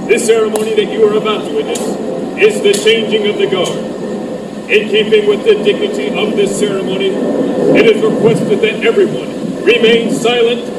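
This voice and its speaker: A man serving as an army sergeant, making a formal, commanding public announcement to a crowd over a loudspeaker. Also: sits high, lively intonation. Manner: commanding, measured and clipped. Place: outdoor ceremonial plaza. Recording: distant, echoey outdoor recording with loud background noise.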